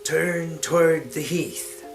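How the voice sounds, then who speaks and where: An exasperated, weary young woman from a fantasy audiobook, acted out by a man. The voice is pitched up and delivered with hammy stage theatrics. Music plays behind it. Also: takes it slowly. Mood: strained, insistent. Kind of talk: dramatic audiobook reading of a fantasy novel.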